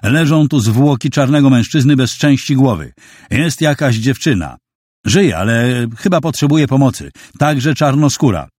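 A man's voice: medium pitch, expressive, moderate pace, a little mellow, dry recording, studio quality, pitched above the performer's own voice, close to an everyday voice. A man voicing a shaken young man who reports urgently on the phone. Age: young adult.

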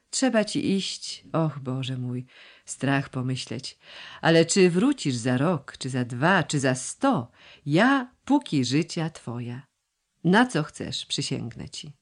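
A man's voice: medium pitch, very animated, slow, full character voice. A man voicing a tearful, devoted young village girl in a storybook reading, emotional and pleading.

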